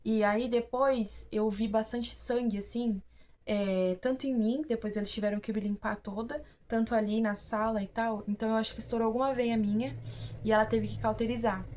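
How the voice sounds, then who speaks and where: A woman's voice: a little high, fairly even intonation, normal speed, darkish tone. A young woman with a Brazilian Portuguese accent, casually telling viewers her own story, chatty and full of fillers and restarts. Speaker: vlogger.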